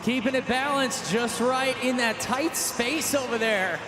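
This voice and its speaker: A man giving excited, emphatic live play-by-play as an event commentator, often shouting. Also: very high-pitched, measured pace. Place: large stadium event. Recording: echoey stadium PA, loud engine noise.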